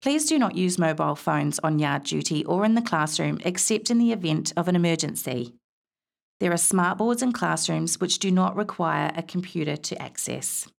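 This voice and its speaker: A woman narrates in the manner of a smooth audio guide. Her voice sits a little low for a woman, with a clear touch of creak. She reads scripted information in a measured, instructional way. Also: lively intonation.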